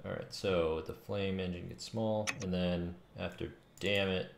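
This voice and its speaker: Speaking a little slowly in a low, creaky voice with fairly even intonation, a man in his thirties thinks aloud informally while livestreaming game development. He's in a room at home, and the recording sounds echoey. Faint noise and keyboard typing and clicks can be heard behind him.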